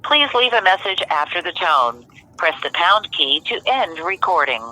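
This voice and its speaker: A recorded phone menu and voicemail greeting, spoken as a formal, polite prerecorded announcement with an even, measured delivery. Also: medium pitch, rough recording. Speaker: automated answering message.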